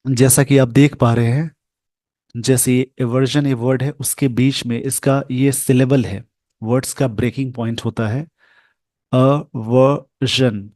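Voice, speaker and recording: Man, pronunciation teacher, slow careful delivery, repeats each sound, mid pitch, dry close sound. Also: steady tone, dark tone, no echo. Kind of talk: screen-share lesson.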